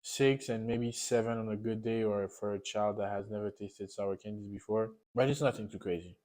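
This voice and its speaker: A man's voice: fairly low pitch, steady tone, normal speed, a little mellow. A man giving a casual, unscripted taste-test review while eating sour candy, often repeating and rephrasing himself.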